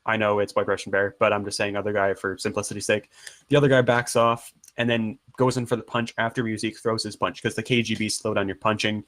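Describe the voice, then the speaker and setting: A man doing color commentary, explaining tactics in an earnest, halting way. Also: lowish voice, steady tone, fairly bright tone. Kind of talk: analytical match commentary.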